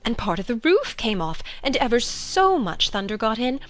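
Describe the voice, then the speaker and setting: Woman acting dithering storybook queen, timid, muddled, nervous rambling, fairly high voice, faint music. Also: big pitch swings, normal speed. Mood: rambling, flustered. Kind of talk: dramatized audiobook acting.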